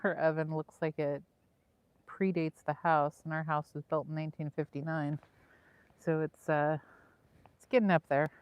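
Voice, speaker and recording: Woman, low voice, dry close sound, easygoing rambling chat, lakeside livestream host. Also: flat delivery, moderate pace, pauses often, smooth, no room sound. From Southern California. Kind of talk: casual chat with live viewers. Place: outdoors by a lake.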